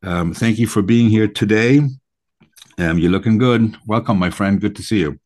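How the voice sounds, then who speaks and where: A man with a fairly low voice hosts a conversational radio talk show. His phrasing is halting and deliberate, with hesitant pauses as he works toward each point. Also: darkish tone.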